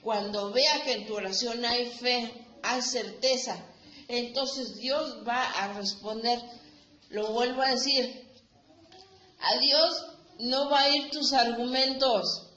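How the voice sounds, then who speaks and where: Slow, emphatic woman pastor preaching. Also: fairly high pitch, fairly even intonation, pushed and bright. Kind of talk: sermon. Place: church. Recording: echoey church room, dull sound, faint hiss.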